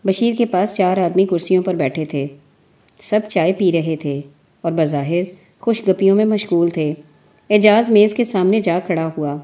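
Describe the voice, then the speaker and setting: A woman narrating a novel aloud in a measured, even storytelling manner. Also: lowish voice.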